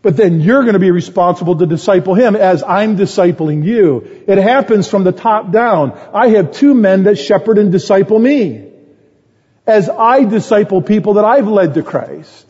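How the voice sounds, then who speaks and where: A man's voice: sits high, animated, normal speed, dark tone, husky. A middle-aged male pastor preaching a sermon, telling stories in a conversational tone. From United States. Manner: storytelling with a conversational tone, voice rising when stressed. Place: conference hall. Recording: muffled conference recording in a reverberant hall.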